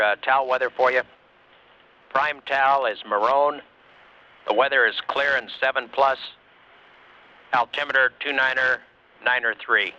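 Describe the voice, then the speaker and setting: A capsule communicator reading a weather report over a mission control radio link, in clipped aviation phrasing. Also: male voice, medium pitch, bright, forceful tone. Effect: radio transmission from mission control. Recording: muffled radio loop audio.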